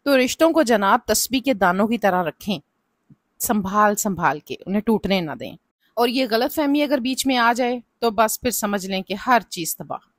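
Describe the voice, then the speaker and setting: A woman's voice: medium pitch, lively intonation, moderate pace, no echo, studio quality. A woman, narrating her family vlog in a chatty, advice-giving way and often addressing viewers as "janab". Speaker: family vlogger.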